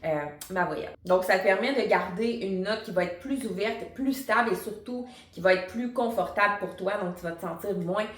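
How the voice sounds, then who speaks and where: A woman's voice: medium pitch, normal speed, hardly any pauses, roomy sound. A woman, a singing teacher giving a chatty, explanatory online singing lesson. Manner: chatty and explanatory, many fillers. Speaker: singing teacher and vocal coach.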